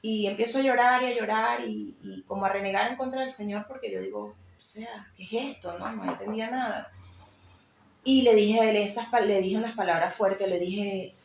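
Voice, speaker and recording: A woman's voice: mid-range voice, fairly quick, vocal fry. A woman sharing an emotional personal faith testimony, telling her story with many fillers. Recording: echoey room with faint ambience.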